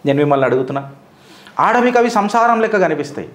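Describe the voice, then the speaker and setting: A man's voice: high voice, lively intonation, fast, reverberant. Combative male commentator. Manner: combative, fires rhetorical questions straight at his target. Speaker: political commentator. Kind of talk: opinionated political commentary.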